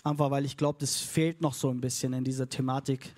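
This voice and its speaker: A man's voice: mid-range voice, little pitch movement, fairly quick, a little mellow. A man preaching a casual, upbeat sermon to a congregation, tossing in English phrases and leading call and response. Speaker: pastor. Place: church hall before a congregation.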